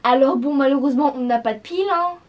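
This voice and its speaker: A woman's voice: sits high, quick pace, a little mellow, dull audio. A teenage girl co-hosting a family unboxing vlog, eager and slangy, joking about her own English. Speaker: vlog co-host, daughter. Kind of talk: casual unboxing chat.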